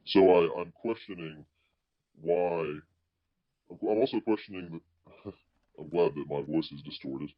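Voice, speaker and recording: A man's voice, electronically disguised to sound extremely deep, answers interview questions in formal, measured language. The recording is dull and muffled, like an anonymous witness account. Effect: voice electronically distorted to sound deeper, as a disguise. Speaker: police officer, interview guest. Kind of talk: interview, explaining at length.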